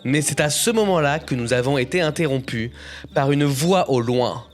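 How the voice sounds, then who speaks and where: A man playing young Aladdin, telling his own adventure in expressive, suspenseful storybook narration. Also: mid-range voice, normal speed, close to an everyday voice. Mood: expressive narrating. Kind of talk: dramatic scripted first-person storybook narration. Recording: music bed behind narration.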